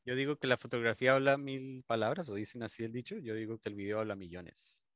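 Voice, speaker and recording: A man's voice: mid-range voice, steady tone, fast, no room sound, highs cut off. A Colombian man with a Colombian Spanish accent, a wedding videographer telling stories in a casual interview, with many restarts. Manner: warm storytelling, many restarts.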